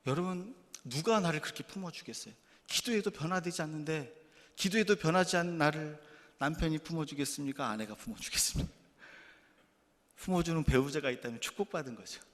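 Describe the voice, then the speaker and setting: A male pastor preaching a sermon through stories, animated and candid, dropping to quiet asides and then rising into loud, emphatic bursts. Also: on the high side, big-room sound. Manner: candid, self-deprecating confession. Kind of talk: storytelling sermon.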